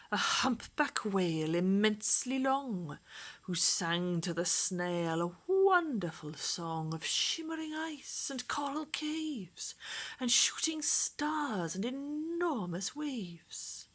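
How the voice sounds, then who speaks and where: A woman reading a children's rhyming picture book aloud in a put-on, lilting Welsh accent, gentle and rhythmic, often dropping to a soft whisper. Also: medium pitch, breathy edge. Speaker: storytime reader.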